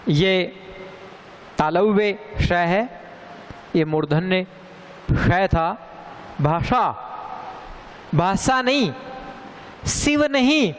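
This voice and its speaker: A man giving a pronunciation lesson at a slow, careful pace, repeating words to drive home the correct form. His voice sits fairly high and moves a lot. The sound carries a long reverb with faint background noise. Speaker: teacher. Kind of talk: Hindi grammar lesson.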